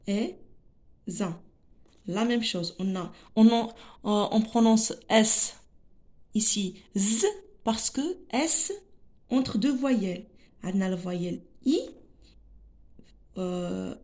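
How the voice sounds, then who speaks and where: A woman's voice: mid-range voice, warm tone. A woman teaching a children's reading lesson, patiently spelling out letters and syllables with a Moroccan accent.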